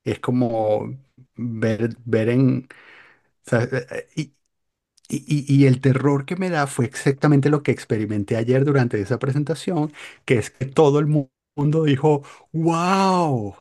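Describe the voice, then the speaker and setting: A young man in casual chat, telling a story in an animated, exaggerated way. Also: mid-range voice, measured pace. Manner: animated, hyperbolic storytelling with mock voices.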